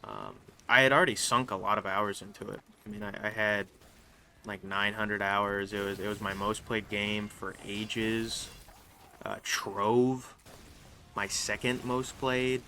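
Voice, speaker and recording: A man's voice: fairly low pitch, pushed and bright. A young man giving loose, casual commentary while he plays a game, often restarting his sentences and trailing off. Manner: rambling, halting, with frequent restarts and fillers. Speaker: gaming channel host. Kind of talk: casual live gameplay commentary. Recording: faint background noise.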